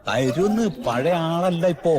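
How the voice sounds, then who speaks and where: An actor playing an anxious friend who tries to calm a quarrel, in a placating, fussy manner. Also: male voice, a little high, unhurried, crowd noise. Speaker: sitcom character.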